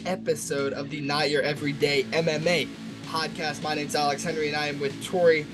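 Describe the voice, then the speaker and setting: Over background music, a man with a fairly high voice and a level tone speaks briskly as he co-hosts a laid-back sports podcast. Previewing upcoming fights, he sounds hyped and emphatic and keeps repeating himself for effect.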